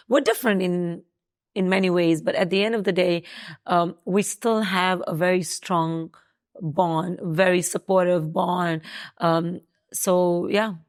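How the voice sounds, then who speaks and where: A woman in her thirties from South Africa, talking casually as an interview guest, hesitant with many fillers and restarts. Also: on the low side.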